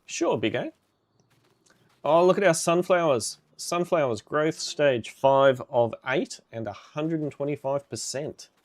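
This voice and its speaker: A man's voice: a little high, expressive, unhurried. A man streaming a game live, chatting casually with viewers and reacting with upbeat exclamations.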